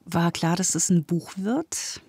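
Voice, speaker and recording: A woman's voice: lowish voice, slow pace, a little mellow, slightly rough, no echo, clean studio sound. A woman interviewing an author and asking curious, friendly questions.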